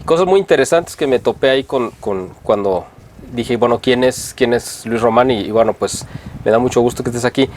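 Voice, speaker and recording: A man's voice: mid-range voice, a little fast, darkish tone, a little hiss or hum. Male interview host, mid voice, friendly rambling questions.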